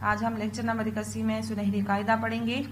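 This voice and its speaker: A woman teacher giving a recorded lesson to young children. She spells out letters slowly and loudly, drawing out each syllable, and often checks in with a soft "theek hai". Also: on the high side, level tone, a little hiss or hum.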